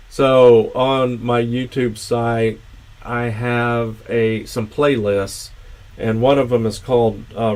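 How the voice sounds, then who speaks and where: A man hosting his own channel's livestream, talking in a casual, meandering, unscripted way. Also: medium pitch. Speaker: channel host.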